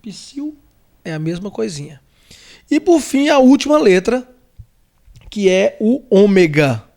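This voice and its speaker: A Brazilian man teaching a lesson, walking through letters slowly and carefully, repeating names and checking in with the listener. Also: high voice, big pitch swings, vocal fry, darkish tone. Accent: Brazilian Portuguese. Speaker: theology teacher. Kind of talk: whiteboard lesson on the Greek alphabet.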